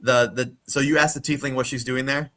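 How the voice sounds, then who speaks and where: A man narrating as game master for a tabletop game, rambling and full of fillers. His speaking voice sits at a middling pitch. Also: steady tone, a little fast, sharp tone.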